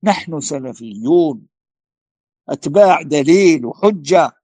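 A man's voice: fairly high pitch, lively intonation, a little slow, no echo. A man answering a question as a religious scholar, emphatic and declaiming, with repeated rhetorical questions and stumbles on words. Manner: emphatic, rising to forceful declarations.

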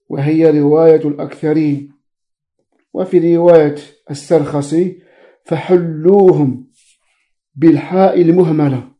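A man teaching a religious text, reading commentary slowly and spelling out letters and variant readings. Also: on the high side, muffled recording.

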